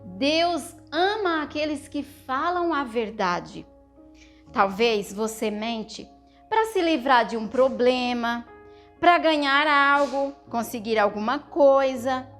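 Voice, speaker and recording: High-voiced lady, slow gentle storytelling for kids, keeps asking them questions. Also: animated, faint music behind. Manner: speaks to children with frequent questions; gentle, teaching tone. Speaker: children's storyteller.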